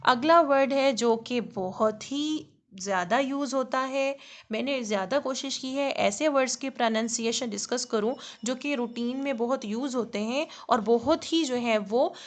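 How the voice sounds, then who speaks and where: A woman teaching English pronunciation in a tutorial, patiently explaining words and repeating each one slowly and deliberately. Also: on the high side. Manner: patient, plain explaining with frequent fillers.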